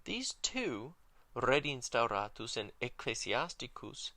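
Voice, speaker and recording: A man giving a video lesson on Latin, speaking in a measured, careful way and slowing down to spell out Latin words. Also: mid-range voice, sing-song, bright, forceful tone, no room sound. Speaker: Latin teacher.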